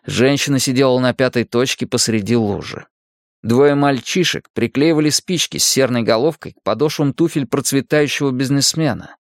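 Male narrator, mid pitch, steady measured reading, dry booth sound. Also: no room sound. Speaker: audiobook narrator. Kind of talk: scripted narration.

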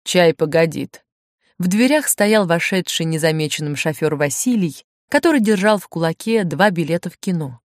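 A woman narrates a story in an even, measured reading voice. Her voice sits on the low side, and the recording is dry and close. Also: no room sound. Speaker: audiobook narrator.

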